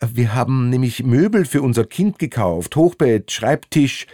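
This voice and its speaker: A man's voice: medium pitch, animated, a little slow, warm tone, no room sound, studio quality, pitched above the performer's own voice. A man voicing a nervous father caught without a ticket, who stammers and bluffs indignantly. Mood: flustered.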